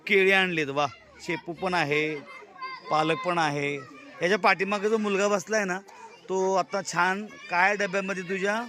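Speaking in a high-pitched, fairly even and unhurried voice, a Marathi-accented man vlogs his walk around an outdoor school fair, cheerfully exclaiming and asking kids their names. He's a reporter touring the school market, and the recording carries loud outdoor noise from a busy crowd.

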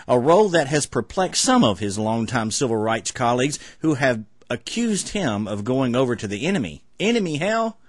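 A middle-aged man hosts an amateur news show from a desk in a small home room, reading stories casually and tossing in sarcastic, comic asides. His medium-pitched voice comes through a close desk microphone in front of him with clean studio sound and no room sound, and his manner is wry.

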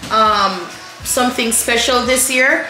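A woman's voice: a little high, fairly even intonation, unhurried, sharp tone. Thirties mom chatting on her family vlog, lots of ums, roomy echo, music in the back. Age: 30s. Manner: chatty, restarts with many ums. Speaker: vlog co-host, mother. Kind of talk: casual chat to camera. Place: indoor room in front of a lattice-patterned wall.

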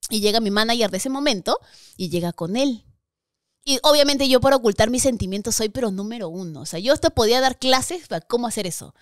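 Fast-talking Peruvian woman. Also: a little high, no room sound, studio quality. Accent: Peruvian Spanish. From Peru. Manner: animated, laughs often, acts out quoted voices. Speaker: podcast guest. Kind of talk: casual storytelling chat.

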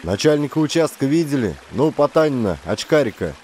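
A man's voice: medium pitch, sing-song, a little fast, a little mellow, a little hiss or hum, pitched above the performer's own voice, lightly acted. A man voicing an exasperated male logging foreman who grumbles and curses.

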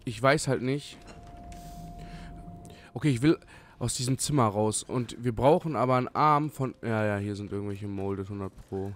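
A man's voice: lowish voice, normal speed, a little hiss or hum. A young man commenting on a horror game as he plays, scared and jumpy, swearing and talking to the game. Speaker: let's play gamer.

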